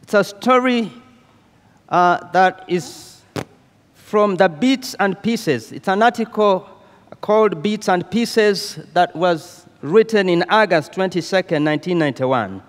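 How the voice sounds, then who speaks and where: A man preaching a sermon in a deliberate, unhurried way, pausing with fillers and repeating key phrases. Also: sits high, animated. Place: church hall. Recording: long hall reverb.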